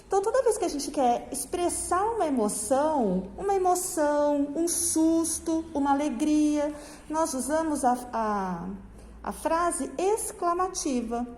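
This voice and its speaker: Teacher lady talking thru a mask to kids on a phone cam, real slow, echo in the room. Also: sits high, animated, a little mellow, slight background noise. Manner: slow, drawn-out teacherly explanations with frequent check-ins. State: speaking through a face mask. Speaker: primary school teacher. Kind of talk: remote class lesson. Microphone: phone camera.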